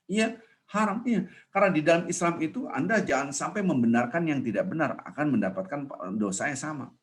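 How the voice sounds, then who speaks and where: A man preaching a casual, jokey sermon, swinging from loud emphatic rises to soft asides. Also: on the high side, fairly quick. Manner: animated, with sudden loud rises and soft drops; jokey, conversational teaching.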